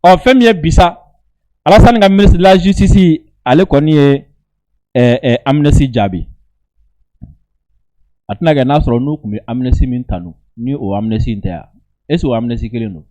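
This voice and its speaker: A man with a West African accent, a native Bambara speaker, reads statements aloud as an online video commentator and remarks on them informally, emphatically repeating phrases. His mid-range voice is mellow, at a moderate pace with frequent pauses.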